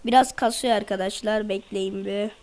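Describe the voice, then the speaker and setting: A woman's voice: mid-range voice, steady tone, moderate pace, darkish tone. A woman chatting casually to viewers over gameplay, constantly addressing them as she plays. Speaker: gaming channel host.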